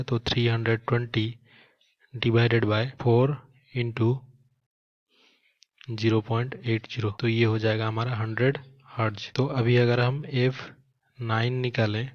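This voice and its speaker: With the high frequencies cut off, this mid-range male voice carries an Indian accent. Acting as a physics teacher, he explains a problem one step at a time in a problem-solving lesson, dropping in English terms as he goes.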